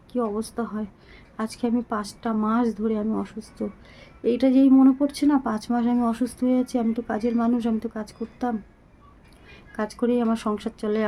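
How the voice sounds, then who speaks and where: Middle-aged woman vlogger, short of breath and weak, flat halting delivery, mellow phone-camera sound. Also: a little high, a little hiss or hum, low-quality recording. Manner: slow, halting, pleading. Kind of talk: casual talk to viewers.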